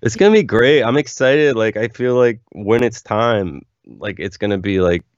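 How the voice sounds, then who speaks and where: A man's voice: lowish voice, moderate pace, dry recording. A man in his forties from Philadelphia, a musician chatting casually in an interview, rambling and enthusiastic. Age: 40s. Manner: rambling, enthusiastic, says "like" a lot. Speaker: musician guest. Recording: dull, lo-fi, dry sound.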